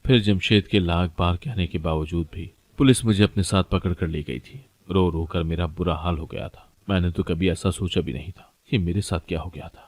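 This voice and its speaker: A man giving a steady, scripted narration of a moral story as a storyteller. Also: low voice, hardly any pauses, no room sound.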